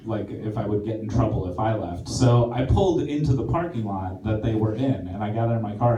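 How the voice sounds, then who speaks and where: A male stand-up comedian rambles through a self-deprecating story, tripping over fillers and restarts. His mid-pitched voice is picked up from a distance, swimming in the room's echo, with a steady wash of noise and audience laughter underneath. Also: lo-fi sound. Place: theater stage, audience laughing. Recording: roomy echoey live theater recording from far off.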